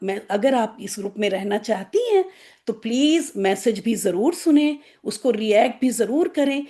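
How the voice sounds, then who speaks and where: A woman's voice: sits high, darkish tone. A woman teaching an online Arabic grammar class to women students, explaining patiently and giving firm reminders.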